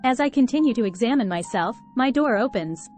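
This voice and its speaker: A woman with a fairly high voice narrates a first-person horror story. Her delivery is tense and dramatic. Quiet music plays underneath. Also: expressive, brisk. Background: faint background music.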